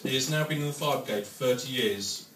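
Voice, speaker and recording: A man's voice: medium pitch, quick pace, fairly bright tone. A young British man giving a wedding toast speech as best man, with dry, joking delivery to the guests. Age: young adult. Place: large room with wedding guests. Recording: echoey, noisy room, distant microphone.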